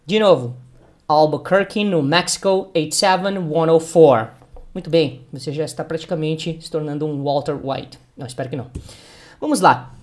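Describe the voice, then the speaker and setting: A man teaching English pronunciation, drilling words slowly and having the listener repeat after him. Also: a little high. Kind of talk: pronunciation lesson.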